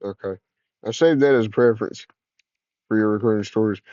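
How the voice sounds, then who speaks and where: A man tells a bedtime-style interactive story in the second person, his voice mellow and relaxed. The delivery is smooth and even, and the sound is dry and dull, like a lo-fi capture with no room around it. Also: lowish voice, fairly quick, no echo.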